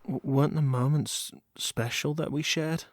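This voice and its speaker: A man's voice: fairly high pitch, steady tone, normal speed, dry recording, close to an everyday voice. A man playing a wealthy, self-controlled yandere lover, jealous yet restrained, speaking formally in a dramatic audio role-play. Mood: restrained devotion. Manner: yandere, composed, formal, wounded devotion.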